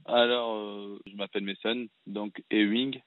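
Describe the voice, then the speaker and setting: Flat, low-voiced man on a phone line. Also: dry recording. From Cameroon. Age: 30s. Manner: earnest, halting storytelling with frequent restarts. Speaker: caller. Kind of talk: phone-in personal testimony. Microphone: telephone.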